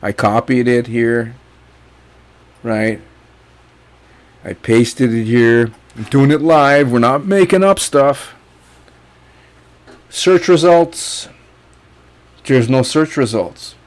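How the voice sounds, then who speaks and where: With a mid-range voice, a slow pace, and frequent pauses, a man from Guyana who makes online income videos narrates a screen share. His commentary is casual, blunt, and mocking, full of cursing as he guides viewers through his findings.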